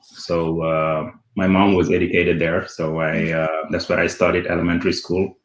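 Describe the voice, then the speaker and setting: Deep-voiced man from Senegal, roomy sound. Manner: relaxed, halting, many fillers. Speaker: guest, company CEO. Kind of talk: interview answers.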